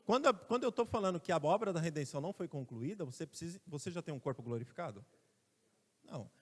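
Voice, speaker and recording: Brazilian male pastor, high voice, emphatic sermon delivery, long church reverb. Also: animated, quick pace. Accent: Brazilian Portuguese. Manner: emphatic preaching, has the congregation repeat phrases after him. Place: church sanctuary.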